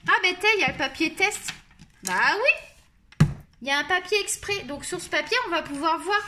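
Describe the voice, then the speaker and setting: A woman with a bright, high voice and a Marseille lilt talks casually as she tries out pencils, rambling and poking fun at herself. A faint hiss sits under her voice. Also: quick pace. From France. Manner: chatty, rambling, self-mocking. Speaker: coloring channel host. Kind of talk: casual chat while testing art supplies.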